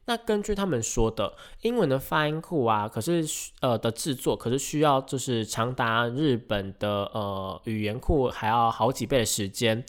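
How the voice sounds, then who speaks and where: A man hosting a podcast, explaining things in a casual, rambling way with frequent hesitations and self-corrections. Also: mid-range voice. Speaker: podcast host.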